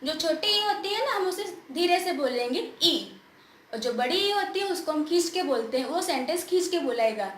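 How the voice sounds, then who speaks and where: A woman teaching a grammar lesson to children, asking questions and answering them herself, drawing words out slowly to show how they sound. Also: very high-pitched, animated, echoey room.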